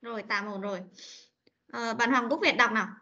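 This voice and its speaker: Female online teacher, high-pitched, coaxing, repeats words for pupils to echo; muffled, lo-fi call audio. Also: fairly quick, bright, forceful tone, a little hiss or hum. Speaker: English teacher. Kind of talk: online class pronunciation drill. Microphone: video call. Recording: dull lo-fi meeting recording.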